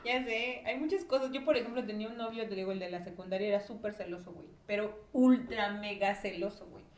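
A woman's voice: mid-range voice, far from the mic. Playful Mexican woman, echoey room. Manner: playful, slangy, quick teasing remarks. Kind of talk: casual chat.

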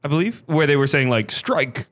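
Man, mid pitch, playful quips, casual podcast banter. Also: fairly bright tone. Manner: quick interjections, playful banter. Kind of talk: casual chat.

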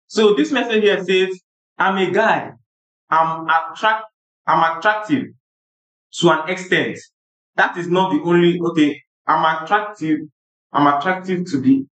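A man's voice: fairly high pitch, normal speed, a bit bright, dull audio. Man hosting, echoey room. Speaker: host reading anonymous messages. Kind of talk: casual group chat.

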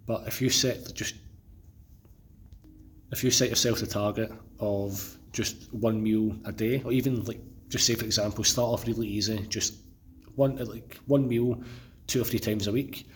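A Scottish man who is under the weather, talking casually and haltingly as a solo podcast host, often repeating words as he goes. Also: on the low side, steady tone, slight background noise. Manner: halting, stammering repetitions. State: feeling unwell, under the weather. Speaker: podcast host and personal trainer.

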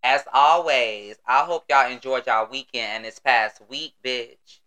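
A man with an American accent and a bright, crisp voice, chatting solo as a podcast host. He is sassy and exuberant, leaning hard on emphatic phrases and swearing freely in loose slang. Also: medium pitch, measured pace, poor audio. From United States. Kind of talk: casual solo podcast chat.

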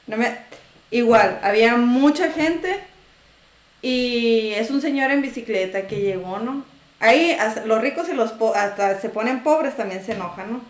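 Animated woman, high voice. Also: measured pace, reverberant. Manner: animated, acts out customers' voices, swears. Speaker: tortilla shop worker telling stories. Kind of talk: casual storytelling chat.

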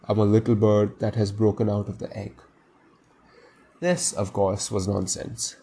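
Gravelly low-voiced man reading aloud. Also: level tone, a little slow, warm tone. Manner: enthusiastic, muses aloud between passages. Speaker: reader discussing a novel.

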